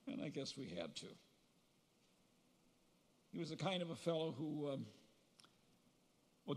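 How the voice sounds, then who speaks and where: An older man stands at a podium microphone giving a eulogy for his brother. His voice sits a little high for a man, and he tells family anecdotes with gentle humor, pausing now and then to recall details. Long reverb from the large funeral hall trails behind each phrase. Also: creaky, slight background noise. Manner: reminiscing storyteller, gentle humor, pauses to recall.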